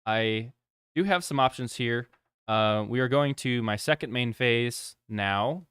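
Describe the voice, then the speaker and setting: A man runs a live board game stream, talking through his turns in a loose, chatty way. He teases his opponent and laughs easily. His voice sits in a middle pitch, and the sound is dry and close. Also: a little slow, fairly bright tone, smooth, no room sound. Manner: chatty, teasing, laughs often. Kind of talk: casual livestream chat while playing.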